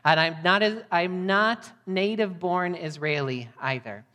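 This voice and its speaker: An American woman from the Midwest preaches a sermon to a congregation as a visiting missionary. Her voice is on the low side and unhurried, with a pushed, bright quality. The recording carries a long hall reverb.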